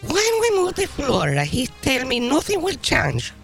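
A man doing a piercing falsetto wife impression, full of indignant grievances and broken grammar. The voice is very high and bright, with a put-on foreign lilt. Music plays softly under the radio bit. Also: wildly swooping pitch, normal speed, gravelly, full character voice. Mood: complaining. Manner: complaining, broken grammar, mock-serious. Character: high-voiced woman, a famous model's impression, angry wife.

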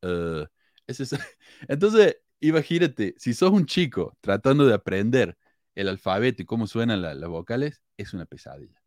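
A man's voice: medium pitch, big pitch swings, normal speed, darkish tone, no room sound, studio quality. A man with an Argentine Córdoba accent hosting a podcast, explaining a topic in a chatty, blunt way with the odd swear word. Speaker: podcast host. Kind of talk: casual explanatory podcast talk.

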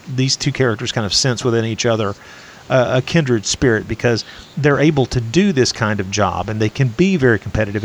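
A man co-hosting a casual film podcast, talking in a measured, analytical way. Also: medium pitch, a little hiss or hum. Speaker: podcast co-host.

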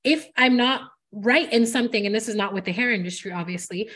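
A woman's voice: on the high side, brisk, a bit bright. A woman hosting a casual podcast chat, talking emphatically and addressing listeners directly. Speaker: podcast host, hair educator.

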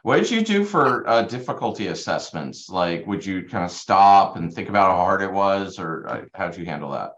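A man with a low voice hosts a relaxed webinar, asking follow-up questions between short nods of agreement. His audio comes through dull and lo-fi, like a remote call. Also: moderate pace, hardly any pauses. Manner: short affirmations, asks probing questions. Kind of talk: casual webinar interview.

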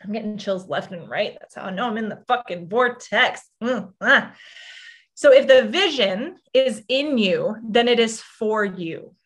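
A woman's voice: mid-range voice, expressive, moderate pace, hardly any pauses. A woman business and mindset coach giving a casual motivational talk, chatty and effusive, full of "like" and swearing.

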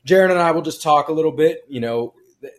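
A man's voice: fairly high pitch, fast talker. A man hosting a podcast in casual chat, speaking with a slight lisp from new teeth aligners and often rambling and restarting his sentences. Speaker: podcast host.

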